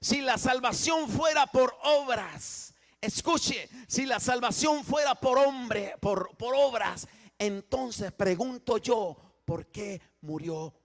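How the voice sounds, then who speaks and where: A man with a very high voice preaches slowly as a church pastor. He alternates between hushed moments and loud, emphatic outbursts, regularly repeating himself and starting phrases over.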